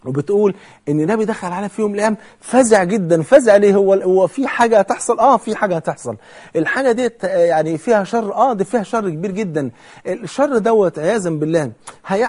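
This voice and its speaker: A man's voice: high-pitched, darkish tone, breathy edge. A man with an Egyptian accent preaching an impassioned televised sermon, asking and answering his own questions.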